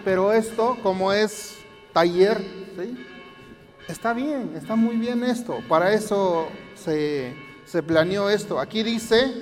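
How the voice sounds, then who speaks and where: A man teaching at a language workshop, explaining grammar slowly, with many fillers and repeated phrases. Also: sits high. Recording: long hall reverb, faint music.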